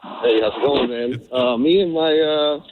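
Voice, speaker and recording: A male radio caller chatting casually in a relaxed, rambling way, his voice coming through a muffled, tin-can-like phone line over headphones. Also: medium pitch, a little slow, slight background noise. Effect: muffled tinny phone line through Bluetooth headphones. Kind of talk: casual chat.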